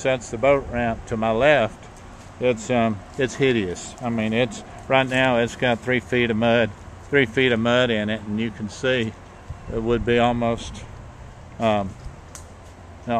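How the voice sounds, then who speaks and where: A man's voice: medium pitch, a little hiss or hum. Folksy man rambling on a riverbank. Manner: folksy, rambling, with fillers and repeats. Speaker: fishing spot tour guide. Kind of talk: casual narrated walking tour. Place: riverbank outdoors.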